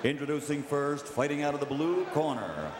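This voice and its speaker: A man announcing the fighters in a drawn-out, booming ring announcer style in a large arena. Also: animated, noisy background. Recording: echoey arena hall, roaring crowd.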